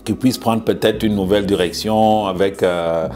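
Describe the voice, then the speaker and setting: A man in his fifties, a museum director, speaking haltingly in a conversational interview. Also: lowish voice, fairly even intonation, a little mellow, soft background music. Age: 50s. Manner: hesitant, halting with many pauses and repeated words. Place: museum in Montreal.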